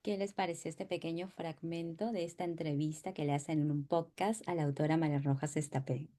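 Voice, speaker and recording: Woman host for a reading club, warm lowish voice, measured and reflective. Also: fairly even intonation. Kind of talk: live reflective reading talk.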